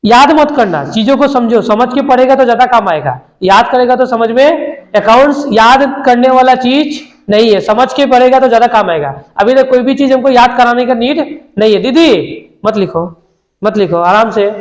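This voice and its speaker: Man, accounts tutor, high-pitched, echoey classroom. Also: normal speed. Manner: quizzing students, repeating figures aloud. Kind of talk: classroom lesson. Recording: echoey room.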